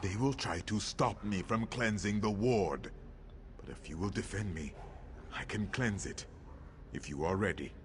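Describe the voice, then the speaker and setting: An actor playing an anguished, devout warrior priest in a video game, with solemn, formal delivery. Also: male voice, fairly low pitch, a little slow, crowd noise, natural voice. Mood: grave, hopeful. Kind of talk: dramatic video game voice acting.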